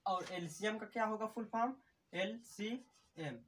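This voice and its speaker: A man's voice: sits high, moderate pace, far from the mic, noisy background. A man teaching math as in a classroom, asking questions and answering them himself, repeating key terms and calling his viewers friends. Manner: addresses viewers as friends again and again. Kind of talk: classroom-style lesson at a board.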